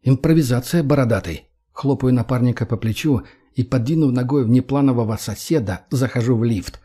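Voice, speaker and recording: Husky man reading in terse phrases. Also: mid-range voice, mellow. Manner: terse, clipped, measured. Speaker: audiobook narrator. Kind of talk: first-person audiobook reading.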